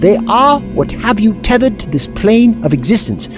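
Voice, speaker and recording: A determined Doctor, the kindly, eccentric time traveller given to scholarly, long-winded explanations, is voiced at a normal pace in this audio drama. The mid-range delivery is very animated while staying close to an ordinary speaking voice, and music plays behind it.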